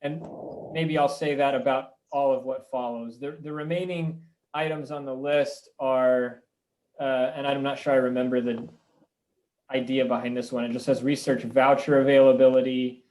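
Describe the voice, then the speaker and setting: A man chairing a committee video call, thinking aloud with frequent pauses and ums. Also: mid-range voice, little pitch movement, darkish tone, poor audio. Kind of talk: online meeting discussion.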